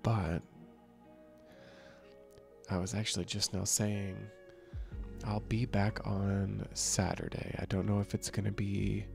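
A young man who streams games, chatting softly and slowly with viewers in a soft-spoken ASMR style into a close mic. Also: fairly low pitch, creaky. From northern region. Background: soft relaxing music.

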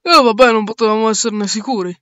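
A man voicing a male space crew captain in an amateur audio drama, giving orders and reasoning aloud with pauses. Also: high voice, a bit bright, dry recording. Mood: calm, commanding.

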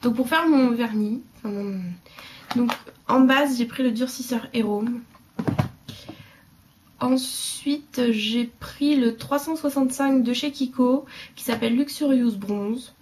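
A woman's voice: fairly high pitch, slow, noisy background. A young woman with a stuffy nose, chatting casually through a nail tutorial at home and dropping to murmurs as she works. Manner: chatty, hesitant, drops to a murmur while working. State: congested, talking through her nose. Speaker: beauty vlogger.

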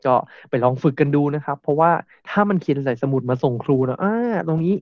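Guy teacher going over grammar in class, fairly high voice, repeats stuff a lot, dull dry sound. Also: steady tone, quick pace, no echo. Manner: explains step by step, repeats examples.

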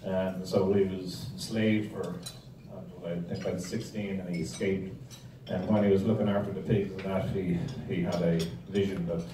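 Low-pitched and warm, with little pitch movement at normal speed, an Irish man in his sixties delivers a humorous, rambling, wry history talk with slides to a club. The setting is an indoor hall with a projection screen; he used a handheld or stand mic, yet the sound was captured by an audience camera, leaving it echoey, distant and noisy.

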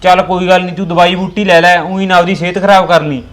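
A man's voice: sits high, flat delivery, fast talker. A man with a Punjabi accent acting in a village family drama, reassuring his mother in an earnest way. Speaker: son talking to his mother.

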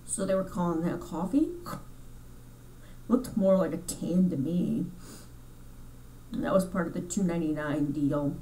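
A congested woman hosts her crochet channel in a chatty, rambling style, often stopping to correct herself. Her voice sits on the low side. She sounds set back from the mic, with a faint hiss underneath. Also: unhurried, pauses often, warm tone, far from the mic, low-quality recording. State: congested from sinus trouble. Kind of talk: casual chat over store footage.

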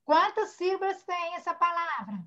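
A woman's voice: extremely high pitch, animated, moderate pace, bright, forceful tone. A woman teacher with a Brazilian accent, leading an online class for young children and patiently sounding out syllables. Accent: Brazilian Portuguese. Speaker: primary school teacher. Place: home, online video class. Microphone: computer or phone mic on a video call. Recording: dull lo-fi video-call audio.

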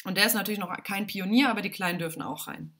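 A woman telling a children's story aloud, animated and dramatic, on a home livestream. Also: medium pitch, racing.

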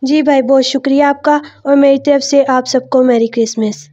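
A woman's voice: high-pitched, steady tone, normal speed, dark tone. A woman from Pakistan hosting Christmas home visits for a TV channel, thanking guests in a courteous, formal way. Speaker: TV host. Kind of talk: door-to-door Christmas interview. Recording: dry, slightly dull audio.

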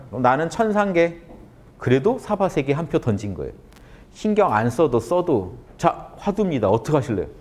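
A man lecturing on Buddhist teachings to an audience, often stopping to ask them questions. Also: medium pitch. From Korea. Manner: animated, asks the audience questions.

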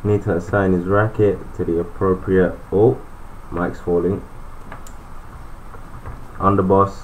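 A man's voice: low-pitched, flat delivery, unhurried, a little mellow, a little hiss or hum, poor audio. A man giving chatty, joking gameplay commentary, thinking aloud as he plays. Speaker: gaming YouTuber.

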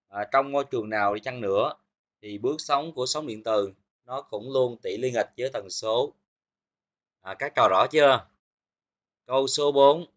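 A man with a bright, forceful voice walks through a physics exam review. He explains each answer step by step and keeps asking his students whether they follow. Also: medium pitch. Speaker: physics teacher.

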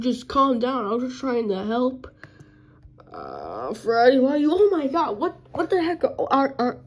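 A woman with a fairly high, dark-toned voice improvises a fan story, playing several characters herself. Her delivery is hesitant and she keeps slipping into a whisper; she performs in plush toy videos.

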